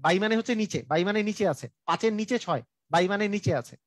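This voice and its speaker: A man's voice: sits high, lively intonation, fairly quick, no echo. A man teaching math in a live online lesson, repeating each point and checking in with his viewers in a colloquial way. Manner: repetitive, drilling explanations with frequent check-ins; colloquial, speaks directly to viewers.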